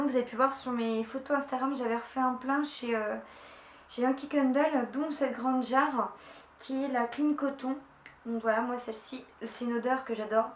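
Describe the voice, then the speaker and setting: Young woman rambling happily about her haul, lots of um and restarts, roomy echo, faint hum behind. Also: on the high side. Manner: chatty, enthusiastic, many fillers and restarts. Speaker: beauty vlogger. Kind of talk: casual haul video chat. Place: room at home. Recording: echoey room, faint ambience.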